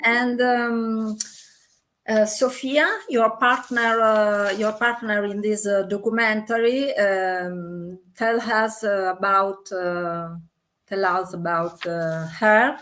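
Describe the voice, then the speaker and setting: A woman whose first language is Italian asks interview questions in English with a clear Italian accent. She speaks slowly and haltingly, filling gaps with uhs as she searches for words. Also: medium pitch, steady tone, a bit bright, slight background noise.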